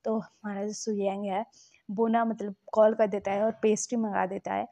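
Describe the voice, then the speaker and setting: A woman's voice: mid-range voice, flat delivery, normal speed, dark tone. A woman casually retelling a fan-fiction story in a chatty, filler-heavy way. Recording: slightly dull, muffled recording.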